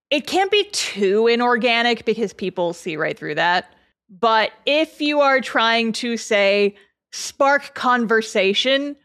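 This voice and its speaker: A woman who makes a webcomic, chatting casually on a podcast, animated and laughing often with quick bursts of speech. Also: a little high, no echo, studio quality. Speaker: webcomic creator and podcast co-host.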